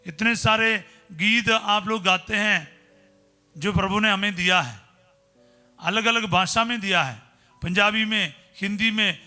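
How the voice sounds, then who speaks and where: High bright-voiced priest preaching. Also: male voice. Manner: storytelling preacher, simple conversational Hindi, exclaims hallelujah. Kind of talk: sermon with personal stories.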